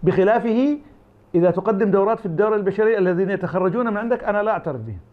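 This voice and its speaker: A man's voice: high voice, expressive, very fast, narrow, tinny audio. A man from Iraq with an Iraqi Arabic accent, giving interview answers as an academic guest, arguing his point through imagined back-and-forth dialogues. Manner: argumentative, uses imagined dialogues.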